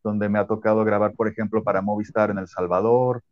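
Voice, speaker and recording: A man's voice: fairly low pitch, flat delivery, fairly quick, no room sound, lo-fi sound. A man from Guadalajara with a Mexican accent, a voice-over narrator chatting casually and easily in an interview.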